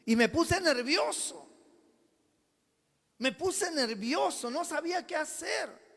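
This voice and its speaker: A pastor with a strikingly high voice tells his testimony to the congregation, swinging from booming to hushed. His words ring out through the long echo of a church hall. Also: lively intonation, slow, gravelly. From Peru. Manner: dramatic storyteller, swings between loud and hushed. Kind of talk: sermon with personal testimony. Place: church sanctuary.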